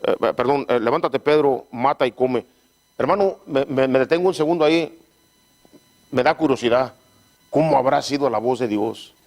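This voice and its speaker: A man's voice: medium pitch, a little mellow. A man preaching a sermon who keeps asking his congregation for agreement and stumbles and repeats words as he reads scripture aloud. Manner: call-and-response, frequent "¿verdad?"; halting, repeats words while reading scripture. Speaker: pastor.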